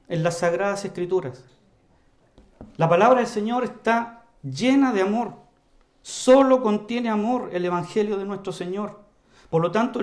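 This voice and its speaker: A man preaching an earnest, emphatic sermon to his congregation, repeatedly calling them brothers and moving between loud emphasis and quiet, low passages. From Chile. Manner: earnest, emphatic, often addresses the congregation as "hermanos"; varies volume widely, rising to loud emphasis and dropping low.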